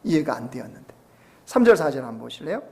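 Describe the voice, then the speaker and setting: A male pastor preaching a Sunday sermon, asking the congregation rhetorical questions and moving between soft, hushed asides and raised, emphatic lines. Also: mid-range voice, sing-song, quick pace, gravelly.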